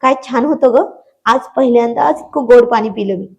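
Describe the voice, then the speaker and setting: A woman's voice: on the high side, normal speed, vocal fry. Teasing young man, as a woman narrator voices him. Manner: teasing, coaxing.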